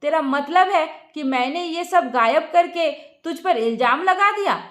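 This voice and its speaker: A woman voicing an angry, sharp-tongued young wife who shouts accusations. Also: high voice, lively intonation, a little slow, roomy sound.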